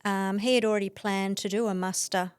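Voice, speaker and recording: A middle-aged Australian woman telling her story as a podcast guest, animated, laughing often and acting out what others said. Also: medium pitch, brisk, smooth, no room sound. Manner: animated, acts out quoted voices, laughs often. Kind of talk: conversational storytelling.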